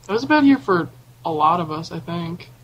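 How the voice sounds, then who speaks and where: A woman's voice: fairly low pitch, animated, a little fast, lo-fi sound. Teen girl, podcast guest, chatty, tells stories, faint background noise. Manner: chatty, storytelling. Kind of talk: casual chat among friends.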